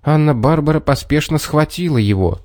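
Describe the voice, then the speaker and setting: A man narrating a children's storybook in a measured, expressive reading. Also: a little high, no echo, studio quality.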